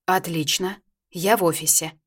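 A woman reading an audiobook, voicing a timid, soft-spoken young woman. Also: fairly low pitch, moderate pace. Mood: shy. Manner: soft, shy.

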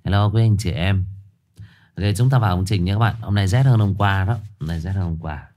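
A very deep-voiced man hosting a live late-night horror story stream, greeting viewers one by one in a chatty, joking way. His nose sounds stuffed up and he coughs now and then. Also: fairly quick, mellow. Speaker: host of a live horror story reading channel. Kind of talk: livestream chat and story introduction.

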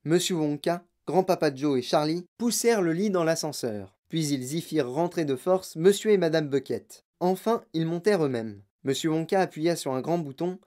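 Brief: male storybook narrator, steady and calm. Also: on the high side, normal speed, hardly any pauses. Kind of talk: audiobook reading.

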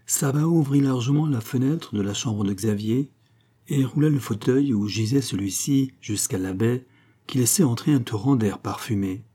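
A man reading a classic novel aloud as an audiobook narrator, in a measured, even way. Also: mid-range voice, breathy edge. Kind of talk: scripted narration.

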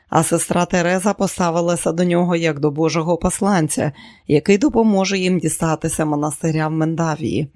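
A man's voice: on the high side, a little mellow, no echo. Man narrating an audiobook, dry sound. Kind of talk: scripted narration.

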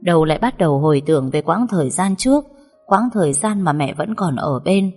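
A woman narrates a dramatic story in a low, measured voice. Her reading is calm and emotive. A long hall reverb trails each line. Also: breathy edge, soft background music.

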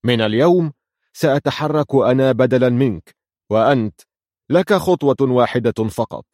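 A man voicing an angry, tyrannical chess king who shouts his commands in a dry storybook reading. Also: mid-range voice, normal speed, no room sound, natural voice. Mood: haughty angry.

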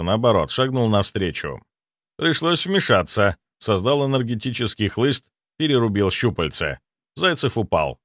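A man narrating a first-person fantasy audiobook in an expressive, vivid storytelling manner. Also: mid-range voice, no echo, studio quality.

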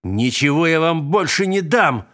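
A man voicing a pompous, indignant middle-aged boss in an audiobook, his voice shrill and outraged. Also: lively intonation, unhurried, a bit bright.

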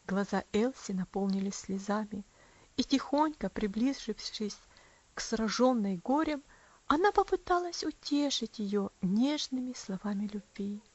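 A woman reading a storybook aloud in a soft, hushed narrating manner. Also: medium pitch, no echo, lo-fi sound. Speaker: audiobook reader.

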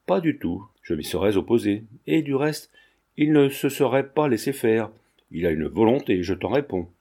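A man's voice: on the low side, animated, normal speed, warm tone. A man reading a novel aloud, voicing a carefree, whimsical young Parisian man who speaks earnestly. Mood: assured.

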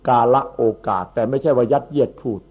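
Monk preaching over tinny audio. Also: male voice, mid-range voice, fairly even intonation, slightly rough. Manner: unhurried, explains Pali terms, repeats words. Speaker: Buddhist monk. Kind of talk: Dhamma sermon. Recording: tinny phone-like recording.

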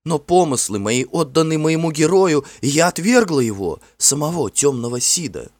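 A man voicing a gentle, frightened young fairy woman who speaks softly and imploringly in a storybook reading. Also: fairly high pitch, big pitch swings, normal speed, dry recording, pitched above the performer's own voice. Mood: tender. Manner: soft, tremulous and imploring.

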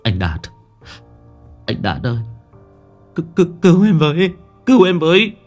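Guy putting on a high shaky young man voice, stuttering, losing it, horror storytelling. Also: sing-song, moderate pace, soft background music. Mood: terrified. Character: panicked young man, stammering and sobbing.

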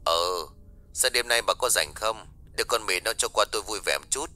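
A man voicing a gruff older male client who talks low and curt. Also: lively intonation, a little fast, pushed and bright. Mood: demanding.

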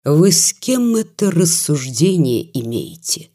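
A reader voicing a sleepy male merchant who talks in a drowsy, ironic, yawning way, low and husky. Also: big pitch swings, slow, mellow, full character voice.

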